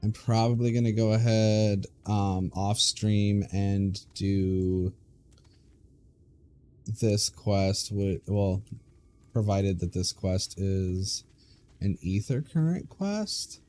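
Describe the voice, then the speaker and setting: A man streaming a game, chatting casually in a relaxed, hesitant way with many pauses and ums. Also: lowish voice, a little hiss or hum.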